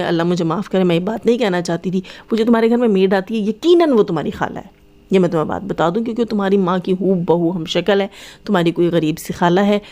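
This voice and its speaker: A woman's voice: medium pitch, darkish tone. A woman giving a heated commentary rant, scolding and taunting the people she is talking about and addressing them directly. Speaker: vlogger commenting on other vloggers.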